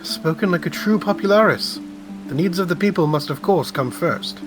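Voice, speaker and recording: Man putting on a slow theatrical courtly villain. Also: sits high, over music, pitched above the performer's own voice, lightly acted. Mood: grand, solemn. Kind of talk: reading game dialogue in character.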